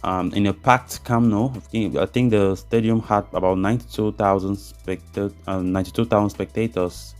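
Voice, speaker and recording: A man's voice: on the low side, steady tone, normal speed, few pauses, a little mellow, soft background music. A man presenting football news, reading a script and adding his own commentary.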